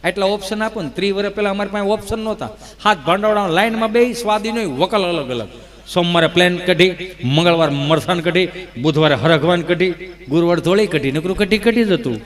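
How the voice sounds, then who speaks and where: Comic guy on stage, high voice, teasing folksy style. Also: fairly quick. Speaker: folk comedian. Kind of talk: stage comedy monologue.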